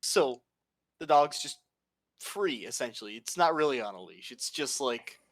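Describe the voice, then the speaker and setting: A man telling stories in casual podcast chat, animated and profane. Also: mid-range voice, moderate pace, no room sound. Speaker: podcast co-host.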